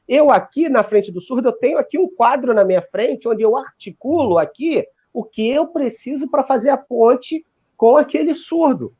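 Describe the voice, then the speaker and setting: Man, deaf-education teacher, lively lecturing delivery, restarts often, tinny phone-like call sound. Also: high voice. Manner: animated, lecturing, with frequent restarts. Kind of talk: explanatory talk in a live video call. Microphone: video call. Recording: tinny phone-like live stream audio.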